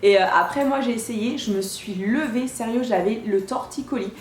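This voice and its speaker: A woman's voice: a little high, normal speed, slight background noise. A young woman from France chatting casually in a home vlog, bubbly and chatty with lots of fillers and restarts. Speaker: YouTuber. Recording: echoey room with light music.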